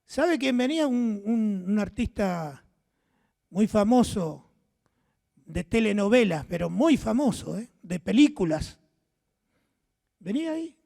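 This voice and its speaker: Gravelly older Argentine pastor preaching. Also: male voice, sits high, very animated, unhurried, pauses often, dark tone, long reverb tail. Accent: Argentine Spanish. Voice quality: hoarse, gravelly voice. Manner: storytelling, acts out dialogue, asks the audience questions. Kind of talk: sermon.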